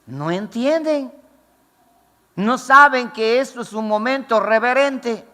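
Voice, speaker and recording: A man's voice: very high-pitched, expressive, slow, pushed and bright, big-room sound. A male pastor preaching a fervent, emphatic sermon to a congregation in a church.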